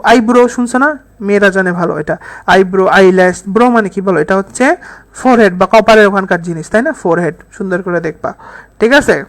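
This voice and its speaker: A fairly high-voiced woman teaches English vocabulary in a recorded lecture. She repeats each word several times and keeps asking her listeners what it means. She uses playful memory tricks and acts out little sample phrases. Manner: repeats words and quizzes listeners with questions.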